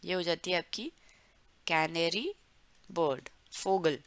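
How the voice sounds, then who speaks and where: A woman teaching German vocabulary to learners, repeating words slowly syllable by syllable for pronunciation drills. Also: fairly low pitch, clean tone. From India. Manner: drawn-out, careful word-by-word pronunciation drills. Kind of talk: explaining vocabulary to learners, mixing Hindi and English.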